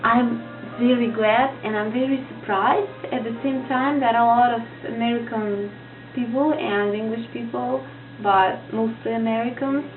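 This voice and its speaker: A native Russian speaker with a Russian accent gives a casual vlog lesson, hesitating and searching for words as she goes. Her voice sits on the high side, with a steady tone and an unhurried pace. The audio is tinny and lo-fi, with music playing behind her.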